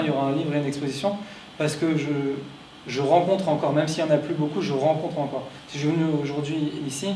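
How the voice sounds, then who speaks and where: A man's voice: on the high side, darkish tone, slight background noise. A man giving a conference talk, telling a personal story with emotion and frequent stumbling restarts. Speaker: conference speaker. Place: conference room at a clinic. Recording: echoey room, distant mic.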